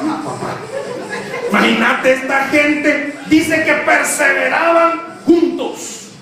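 A man's voice: extremely high pitch, fairly bright tone, recorded from a distance. A young man, preaching a humorous youth sermon, teasing the crowd and acting out quotes. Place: church. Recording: echoey church hall, preacher off-mic, crowd behind.

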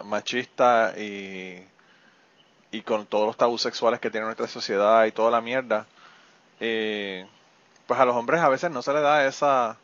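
A man's voice: mid-range voice, fairly bright tone, dull audio. A man hosting a podcast interview, talking frankly and reflectively and swearing casually. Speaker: podcast host. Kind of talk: candid interview chat.

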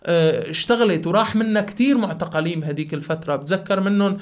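A man with a Syrian Arabic accent telling a personal story in conversation, halting and repeating the starts of his words. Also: sits high. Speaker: podcast guest.

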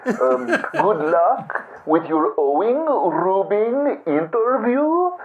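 A man's voice: high-pitched, very animated, heavily acted. Give me a man putting on a stammering inmate on a landline phone call. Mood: rambling. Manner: hesitant, stammering, halting. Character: bumbling male prison inmate caller. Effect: over a landline phone. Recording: tinny landline phone with faint hiss.

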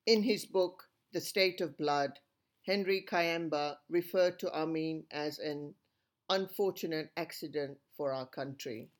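A podcast host reading a scripted introduction in a measured, even delivery. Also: medium pitch. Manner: measured, read-aloud delivery. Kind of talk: scripted narration.

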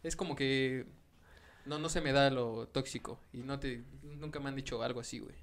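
A man's voice: mid-range voice, fairly even intonation, normal speed, very noisy. A man with a Mexican accent chatting casually and joking in slangy speech. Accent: Mexican Spanish. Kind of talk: casual chat.

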